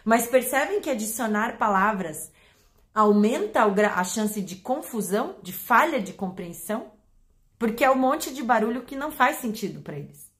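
A woman with a Brazilian Portuguese accent, a pet behavior educator explaining to her audience in an animated way, acting out examples. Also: on the high side, normal speed. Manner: animated, acts out examples with voice changes.

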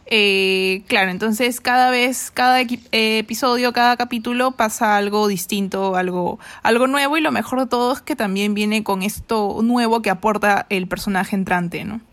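A woman co-hosting a casual podcast, relaxed and quick to laugh. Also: mid-range voice. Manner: relaxed, laughs easily, lots of fillers. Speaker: podcast co-host.

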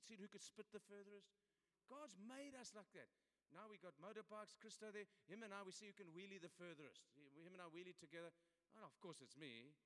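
An older South African man, a pastor, preaches a sermon to men in a chatty, story-driven style. His voice is high-pitched and fairly bright, recorded with long hall reverb.

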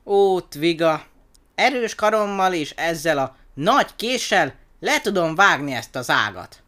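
A man's voice: fairly high pitch, big pitch swings, bright, forceful tone, voice pushed up. A man doing a boastful little monkey. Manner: proud, drawn-out boasting.

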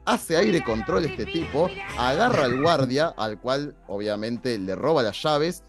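A man's voice: mid-range voice, unhurried. Argentine dude in his twenties retelling an episode, super slangy, voice jumps all over, a bit of music under it. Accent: Argentine Spanish. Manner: lively, slangy, acts out characters' lines. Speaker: podcast host recapping an episode. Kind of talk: casual recap with acted quotes.

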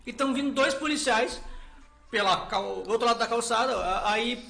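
A man's voice: very high voice, normal speed, gravelly, bright, forceful tone, soft background music. A man from southern Brazil with a Gaúcho accent, telling a story in casual chat and acting out the people he quotes. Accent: Gaúcho Portuguese.

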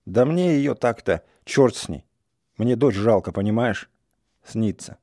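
A man's voice: on the low side, animated, measured pace, warm tone, no room sound, clean studio sound. A man voicing a restless young village man who talks in heated, sardonic bursts. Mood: restless, bitter. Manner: heated, sardonic, rising outbursts.

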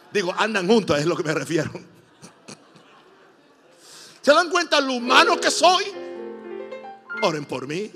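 A man from Puerto Rico with a Puerto Rican accent, preaching a sermon in a church with emphatic loud bursts and joking asides. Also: on the high side, husky. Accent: Puerto Rican Spanish. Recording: long hall reverb, faint music.

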